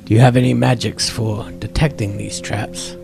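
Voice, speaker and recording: A man playing a character in a tabletop game, talking in an expressive, playful way. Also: lowish voice, moderate pace, creaky, music in the background. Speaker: player. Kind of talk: casual tabletop play.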